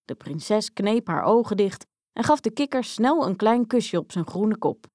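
A woman's voice: medium pitch, lively intonation, measured pace, a little mellow, dry recording, clean studio sound. Woman reading a fairy tale aloud. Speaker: storyteller. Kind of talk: storybook read-aloud.

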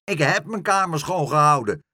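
A man reading a storybook aloud, voicing a stubborn young boy who shouts in protest. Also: a little high, expressive, moderate pace, no room sound, studio quality, voice pushed up. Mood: indignant, shouting. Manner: shouting and indignant.

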